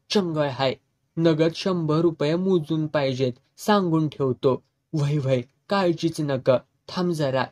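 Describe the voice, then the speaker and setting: A man reads a serialized novel aloud in a lively first-person voice. He speaks in village dialect and acts out the other characters' dialogue as he goes. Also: a little high. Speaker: storyteller. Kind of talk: dramatic reading of a serialized novel.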